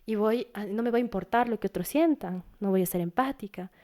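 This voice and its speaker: A woman's voice: medium pitch, fairly quick, dark tone. A woman psychologist speaking as a guest, earnest and advising, who sometimes acts out what parents and teens might say. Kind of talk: casual interview talk.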